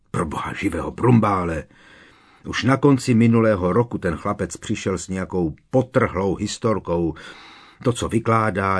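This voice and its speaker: A blustering middle-aged minister, as a man reads him aloud in an audiobook, indignant and defensive, pushing his voice up and louder. The tone sounds low and somewhat husky underneath. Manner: agitated, indignant, raised voice. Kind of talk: audiobook character reading.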